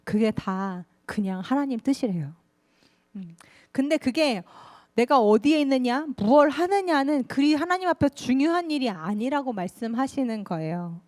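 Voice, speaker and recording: A woman pastor preaching to young people, telling a personal story in a lively, colloquial way. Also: sits high, normal speed. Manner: lively, confessional storytelling, colloquial, laughs often.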